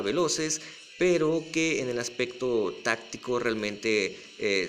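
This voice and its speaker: A man with a hoarse, raspy voice hosting a football recap, talking in a colloquial way as if to pals. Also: mid-range voice, a bit bright, slight background noise. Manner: colloquial, addresses fans as pals. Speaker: football commentator, host. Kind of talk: football match recap commentary.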